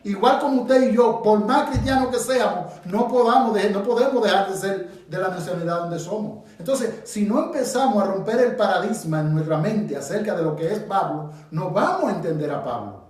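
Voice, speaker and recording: With a high, expressive voice, normal speed, few pauses and a slightly mellow quality, a Bible teacher from the Dominican Republic guides his group through an interactive study. He asks questions and argues emphatically in Dominican-accented Spanish, recorded from afar in an echoey room.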